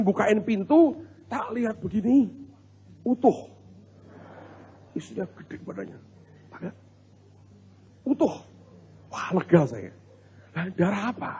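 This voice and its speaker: A male pastor, preaching in an animated, humorous storytelling way and talking straight to his congregation. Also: a little high, breathy edge. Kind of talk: storytelling sermon. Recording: muffled recording in a reverberant hall.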